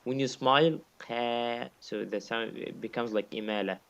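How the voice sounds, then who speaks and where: A man's voice: on the low side, normal speed, gravelly, a bit bright, lo-fi sound. A man teaching recitation in a one-on-one lesson, patiently repeating his points and sounding out examples himself.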